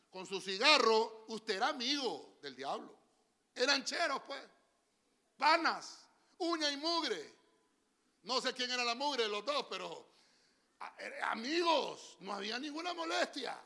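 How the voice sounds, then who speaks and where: A Honduran man preaching a sermon as pastor of a church, animated, with call-and-response to his congregation. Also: extremely high pitch, vocal fry.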